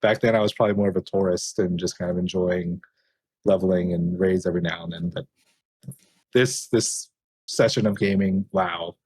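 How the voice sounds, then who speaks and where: Young male podcast guest, halting casual delivery, lower pitch, dry mic. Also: steady tone, a little mellow, breathy edge, dry recording. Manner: halting, lots of ums and restarts. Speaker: podcast co-host. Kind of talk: casual chat.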